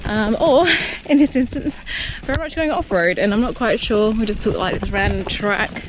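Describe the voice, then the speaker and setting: A woman's voice: mid-range voice, normal speed, slight background noise, low-quality recording. A woman in her thirties, a sailing vlogger, chatting enthusiastically while cycling along an island coast, filming herself with a camera at arm's length. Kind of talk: casual vlog chat. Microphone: camera held at arm's length. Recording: music playing under the voice.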